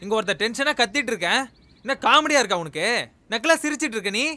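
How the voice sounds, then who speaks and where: An actor playing an irritable young husband who scolds loudly and sounds exasperated, in a comic web series. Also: male voice, extremely high pitch, animated, fast talker, no room sound, exaggerated voice. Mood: angry scolding. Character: irritable young husband fed up with repeated meals. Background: loud guitar music.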